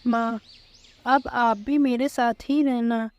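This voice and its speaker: A woman voicing a young male bird gently asking his adoptive mother for something. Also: a little high, fairly even intonation, highs cut off, a little hiss or hum, natural voice. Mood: gentle.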